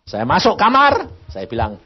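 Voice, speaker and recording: An older man gives a sermon in an animated storytelling way, his voice husky and swinging widely in pitch. He acts out the people in his story as he goes. The recording is dull and lo-fi. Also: a little slow. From Indonesia. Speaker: preacher.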